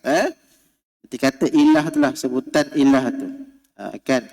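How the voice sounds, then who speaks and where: A man's voice: medium pitch, moderate pace, vocal fry, darkish tone. A man with a Malaysian Malay accent giving a religious lecture, explaining step by step, repeating key words and checking in with his listeners. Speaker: religious teacher. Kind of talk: mosque lecture. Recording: long hall reverb.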